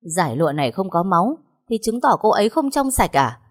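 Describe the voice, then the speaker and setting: A woman's voice: medium pitch, sing-song, brisk. A woman voicing a cold, domineering young husband who speaks harshly and gives orders. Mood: angry. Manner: harsh, commanding.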